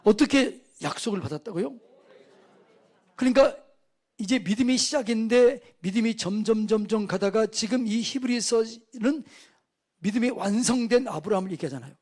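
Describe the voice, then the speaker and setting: A man's voice: sits high, a little mellow, breathy edge. A man preaching at a church revival meeting, asking the congregation questions and answering them himself. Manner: call-and-response preaching, asks the congregation questions. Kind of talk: sermon.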